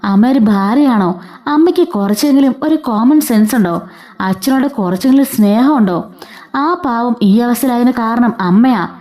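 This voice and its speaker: A woman's voice: a little high, moderate pace, mellow, lightly acted. A woman voicing a distressed young daughter who pleads for her ailing father. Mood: pleading. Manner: pleading, upset.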